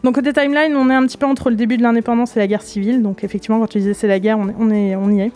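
Chatty radio lady, talks fast, lots of euh, bit high pitched, soft music under. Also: steady tone. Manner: chatty, hesitant with many fillers, laughs easily. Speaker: radio show co-host presenting a board game. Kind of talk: casual radio chat. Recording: radio studio with faint music behind.

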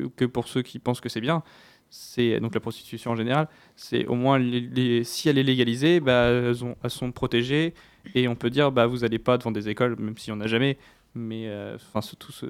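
A man on a panel explaining his views casually, in halting stretches with self-corrections. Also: medium pitch, clean tone. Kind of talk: casual discussion.

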